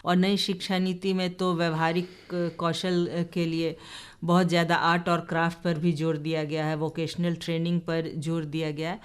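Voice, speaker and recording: A woman's voice: on the low side, little pitch movement, normal speed, clean tone. A woman hosting a radio interview in a studio, politely affirming her guest and adding examples of her own. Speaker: radio host.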